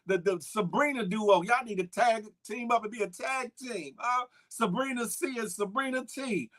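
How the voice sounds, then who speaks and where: A man hosting a casual live-stream talk show, animatedly shouting out viewers' names and chatting loosely with repeated catchphrases. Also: very high-pitched, normal speed.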